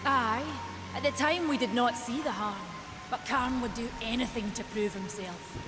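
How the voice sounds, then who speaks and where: An actress playing a brisk, solemn female smith in a fantasy game, with a Scottish accent and a plain-spoken manner. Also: on the high side, lightly acted. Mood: solemn, concerned. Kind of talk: dramatic fantasy game dialogue. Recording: very loud music behind.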